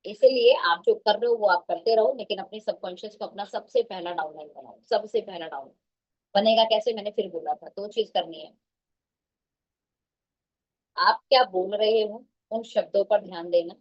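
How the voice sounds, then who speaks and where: A woman's voice: mid-range voice, moderate pace. A woman giving an emphatic motivational talk, repeating her phrases and mixing in English. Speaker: motivational speaker. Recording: dull lo-fi sound.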